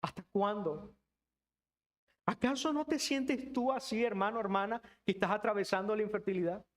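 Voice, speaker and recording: A man preaching a sermon. He speaks earnestly, asks the congregation many rhetorical questions and drops to hushed, low tones for emphasis. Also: fairly even intonation, a little fast.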